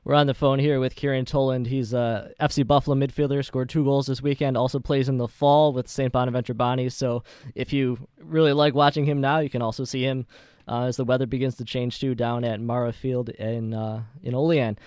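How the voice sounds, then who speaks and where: A man's voice: mid-range voice, level tone, brisk, darkish tone, clear, resonant tone, no room sound. A man hosting a sports show, talking conversationally through interview questions and soccer commentary in a wordy way.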